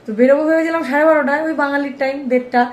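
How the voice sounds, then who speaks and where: A woman's voice: sits high, fairly even intonation, very fast, reverberant. A woman vlogger chatting casually to her viewers about her day at home. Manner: chatty, talks straight to viewers. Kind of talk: casual vlog chat.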